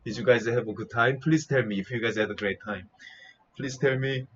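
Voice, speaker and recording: A man's voice: mid-range voice, a little fast. A young man with a Korean accent hosting a live animal sound guessing game, teasing his viewers, laughing a lot and imitating animal calls. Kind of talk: playful live chat with viewers. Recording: slightly dull lo-fi stream audio with faint noise.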